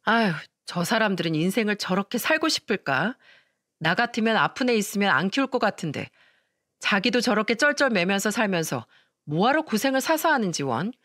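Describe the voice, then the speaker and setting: A woman's voice: mid-range voice, big pitch swings, brisk, a bit bright, no room sound. Lady doing a snooty selfish sister-in-law, sneering and whiny, dry close mic. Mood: scornful whining. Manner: scornful, whiny complaining. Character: selfish arrogant young woman, the sister-in-law.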